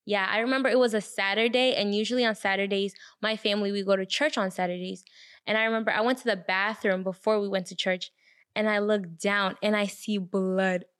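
A young woman co-hosting a casual chat, telling a story in an animated way, acting out the people she quotes, with lots of fillers and laughter. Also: mid-range voice, fairly quick, clear, resonant tone.

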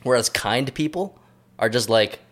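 A man's voice: mid-range voice, lively intonation, a little slow. A man in his early thirties, a podcast host, talking in a reflective, laid-back way in a casual chat. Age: 30s.

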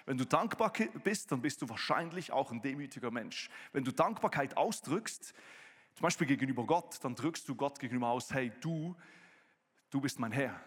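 Husky-voiced preacher in a reverberant hall. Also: male voice, medium pitch, a little fast. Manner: lively, conversational preaching with rising excitement. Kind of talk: sermon.

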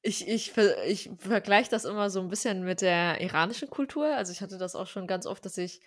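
A chatty young woman talks through her own stories in a relaxed conversation, her voice close and dry. She grew up speaking Armenian at home, and her tone lifts and falls as she tells each story. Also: mid-range voice, fairly quick, dry recording. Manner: chatty, animated storytelling with fillers. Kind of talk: casual conversation.

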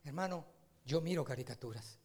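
Gravelly-voiced man preaching a sermon. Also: on the high side, a little fast. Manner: animated preaching, rising to loud emphatic peaks.

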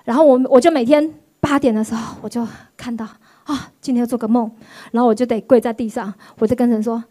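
A woman pastor, giving a sermon testimony in an animated storytelling way. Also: a little high, fast talker. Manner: animated storytelling, acts out quoted voices.

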